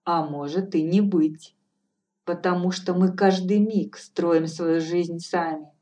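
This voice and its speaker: A woman's voice: on the low side, fairly even intonation, takes it slowly, dark tone. Woman voicing a blunt old fortune-teller. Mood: calm. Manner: cool, matter-of-fact, firmly lecturing. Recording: distant from mic, faint music behind.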